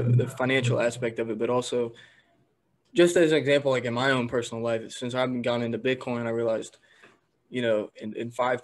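A nineteen-year-old man, a guest on a video-call interview, talking earnestly and restarting words as he thinks. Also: mid-range voice. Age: teens.

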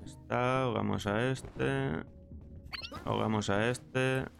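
A man's voice: medium pitch, fairly even intonation, slow, gravelly, faint music behind. A young man from Spain commentating a video game play-through, exclaiming, swearing and laughing as he goes. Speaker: gaming streamer.

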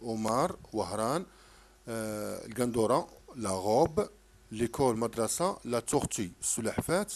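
A middle-aged man with an Algerian accent tutoring a child in French sounds, repeating each syllable slowly and firmly. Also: medium pitch, expressive, slightly rough. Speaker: teacher. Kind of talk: home French phonics lesson explained in Arabic.

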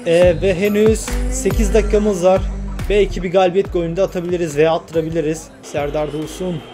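Excitable young man narrating a game. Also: sits high, fairly quick. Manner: excitable, shouts at the game, talks to himself. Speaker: gaming YouTuber. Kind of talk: football game commentary. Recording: game music clearly under the voice.

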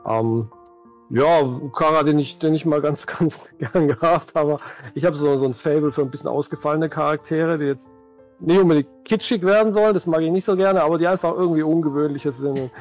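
On the high side and a little mellow, a middle-aged man speaks briskly through a headset whose audio has the highs cut off. As a tabletop game master being interviewed on a video call at home, he chats casually and reflectively, frequently hedging, with faint music audible.

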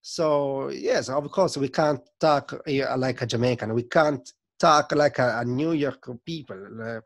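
At a measured pace and medium pitch, a man from Italy in his thirties tells stories as a guest on a casual video call interview. A sound system selector, he talks in an animated, gesturing way with non-native phrasing and an Italian accent. He uses a desk mic in his home studio, where record shelves fill the room.

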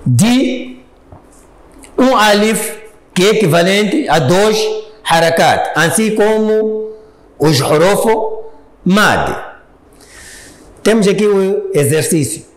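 A man with a Mozambican Portuguese accent teaches Quran reading, sounding out each letter and vowel mark in turn. His voice sits high for a man, and he speaks very slowly. The room around him is roomy and echoing. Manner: spells letters and vowel marks one by one, with drawn-out syllables. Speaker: Tajwid teacher. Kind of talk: slow spelled-out Quran reading lesson. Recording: echoey room.

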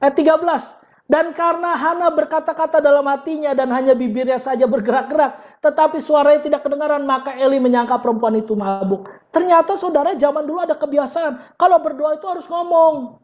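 A woman pastor preaching a conversational, animated sermon in a church and acting out the quotes she tells. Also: high-pitched, brisk, lo-fi sound.

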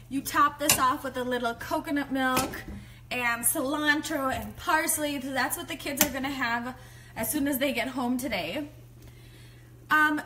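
A woman's voice: high voice, noisy background. A woman in her thirties from the United States, a physician chatting casually on a live stream from her home kitchen, rambling with many ums and frequent laughs. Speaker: family physician and cooking vlogger. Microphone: phone held at arm's length.

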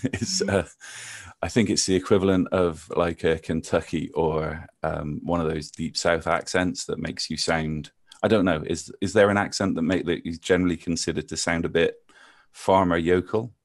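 A man with a soft Bristol accent talks in a deep register, close and dry with almost no room sound. He explains card tricks over a video call in a loose, joking way, poking fun at his own lack of skill. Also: steady tone, moderate pace, no room sound. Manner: self-deprecating, jokey, chatty with frequent ums. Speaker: maths teacher performing card tricks. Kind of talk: casual chat and card trick demonstration.

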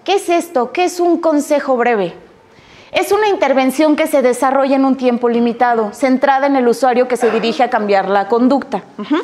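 A young adult woman psychologist with a Mexican Spanish accent, giving a lively addiction-prevention workshop to teachers and acting out quoted voices. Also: sits high, moderate pace. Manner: animated, acts out quoted voices, frequent "ajá" and "ujú".

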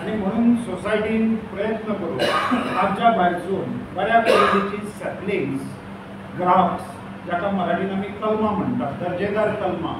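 Older Goan man, high-pitched, addressing the press in a steady, formal way, picked up from a distance. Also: normal speed. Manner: steady, listing names and figures. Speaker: cooperative society official at a press conference. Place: hall with a banner behind a panel. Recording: echoey hall, distant mic, noisy.

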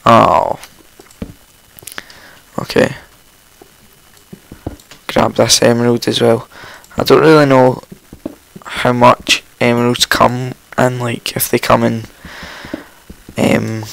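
A man with a croaky morning voice, casually commentating his own game, rambling and chatty with frequent ums and self-corrections. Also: mid-range voice, flat delivery, slow pace, pauses often, fairly bright tone, no echo, rough recording. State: just woken up, morning voice. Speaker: let's play host.

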